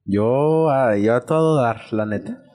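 A man's voice: medium pitch, unhurried, over music. A teenage boy with a Mexican accent, chatting on a podcast in a laid-back, slangy way. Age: teens. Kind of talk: casual chat.

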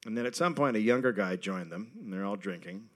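A man's voice: on the low side, fast, a bit bright. A man hosting a comedy podcast who tells a history story in a casual way, reads passages aloud, and often breaks into laughter.

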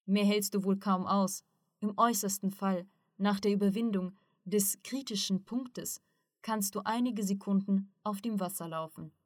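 Woman reading a calm wise teacher guy explaining stuff patiently, mid voice, dry close sound. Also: medium pitch, normal speed, dry recording, natural voice. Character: calm learned male teacher, patient mentor.

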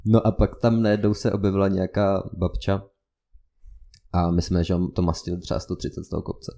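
A young man telling a story in casual chat, lively and full of fillers. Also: low voice, creaky. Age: young adult. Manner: animated anecdote telling with many fillers.

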